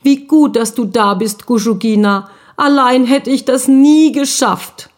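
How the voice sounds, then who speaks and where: A woman's voice: high-pitched, a little slow, pitched above the performer's own voice. A woman voicing a small boy school ghost in a storybook reading, calling out eagerly and urgently in a raised voice. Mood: relieved.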